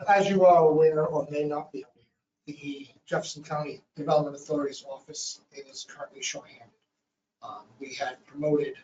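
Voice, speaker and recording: A man's voice: a little high, a little mellow. Polite male director, Boston accent, distant and dull-sounding with faint hiss. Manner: polite, formal. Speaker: development authority director. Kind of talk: presenting a request at a public meeting. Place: county meeting room. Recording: distant, echoey, dull audio with faint noise.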